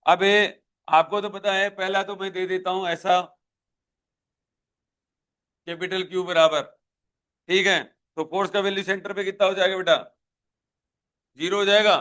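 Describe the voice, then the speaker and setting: A man's voice: high-pitched, flat delivery, normal speed, long pauses, fairly bright tone, clean tone. A male physics teacher with a Hindi accent giving a live classroom lecture, questioning students and pushing them to answer aloud.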